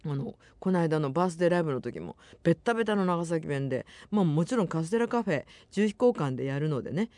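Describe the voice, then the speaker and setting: A middle-aged woman hosts a radio show in a dry, close studio sound. She reads listener mail and rambles on in a friendly way with soft laughs. Her pitch moves up and down freely. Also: lively intonation, fast talker, few pauses, no echo. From Nagasaki, Japan. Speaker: radio host. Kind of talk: chatty radio talk reading listener mail.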